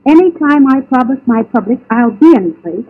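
A woman acting as guest announcer in 1930s radio banter, bright, emphatic and theatrical, heard as an old AM radio broadcast. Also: high voice, lively intonation, a little fast, lo-fi sound. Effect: old AM radio broadcast sound.

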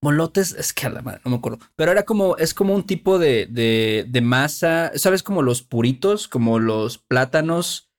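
A man's voice: on the high side, animated, normal speed, hardly any pauses. A man with a Mexican Spanish accent chatting casually, with frequent filler words. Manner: chatty, many fillers like "este". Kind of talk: casual chat.

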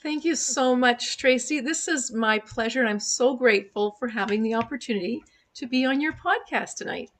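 Speaking at normal speed, this podcast guest has a voice on the high side with a fairly bright tone. She is in her sixties, a native German speaker raised in Canada, and talks candidly with frequent fillers in a casual interview over a remote call.

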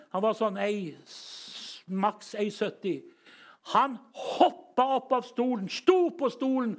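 A man preaching a charismatic sermon, telling stories and bursting into shouted hallelujahs. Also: sits high. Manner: storytelling that swings up into shouted hallelujahs, chuckles.

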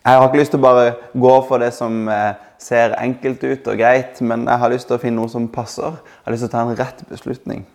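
A male pastor in his thirties delivers a sermon with a gravelly, creaky edge to his voice. He speaks calmly and reflectively, leaning on key words and easing off at the ends of thoughts. His voice sits in a middle pitch. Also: hardly any pauses.

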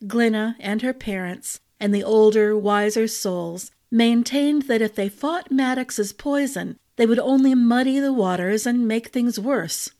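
A woman reading a fantasy novel aloud as a podcast storyteller, with a gentle, measured delivery. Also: fairly high pitch. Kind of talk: audiobook-style fantasy narration.

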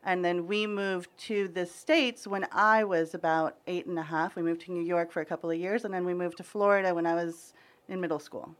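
A woman's voice: on the low side, steady tone, a little fast. A woman in her forties from Greece, a prosecutor speaking as a podcast guest, friendly and forthcoming. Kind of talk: casual interview chat.

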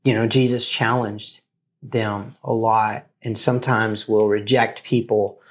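A man's voice: lowish voice, flat delivery, measured pace. A man co-hosting a faith-based talk show, agreeable and supportive as he chimes in. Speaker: co-host.

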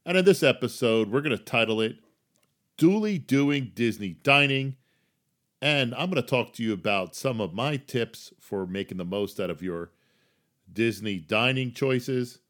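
A middle-aged man with a New Jersey accent hosting a casual solo podcast, chatty and self-deprecating, swinging between loud emphasis and quiet asides. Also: medium pitch, animated, measured pace. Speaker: podcast host.

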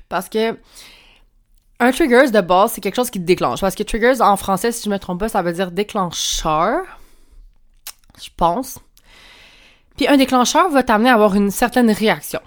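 A woman's voice: mid-range voice, normal speed, long pauses. A young woman with a Québécois French accent hosts her podcast alone from home, chatty and candid, swearing freely and laughing often. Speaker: podcast host. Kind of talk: casual solo podcast monologue. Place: room at home. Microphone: clip-on mic.

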